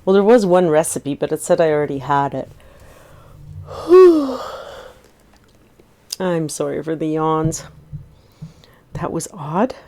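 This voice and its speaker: A woman's voice: sits low, measured pace, long pauses, dark tone. A woman in her forties chatting in a rambling, easygoing way while streaming a game, laughing easily. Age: 40s. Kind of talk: casual gameplay chat.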